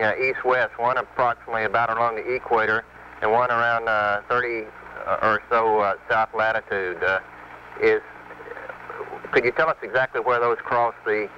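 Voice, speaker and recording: A man at mission control talking over a space radio link with beeps, halting with many filler pauses. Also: mid-range voice, pushed and bright. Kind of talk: radio communication. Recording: muffled noisy radio transmission.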